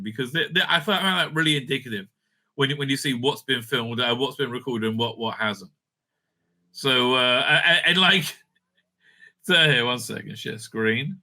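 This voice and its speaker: With a mid-range, bright voice and a forceful tone, a man hosting a fan news show riffs casually on what's on his screen. He's unscripted, blunt and sweary, thinking out loud as he goes.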